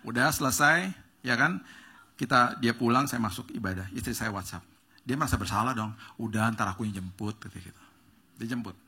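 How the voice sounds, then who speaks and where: Pastor, male, bright voice, a touch husky, animated storyteller. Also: mid-range voice, a little fast. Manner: animated, acts out dialogue with rising excitement. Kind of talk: storytelling sermon. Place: church stage.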